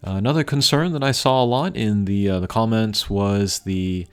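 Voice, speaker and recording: Over game music, a man with a fairly low voice gives loose, unscripted commentary on a video game. He stays low-key, wandering a bit and stopping frequently as he thinks.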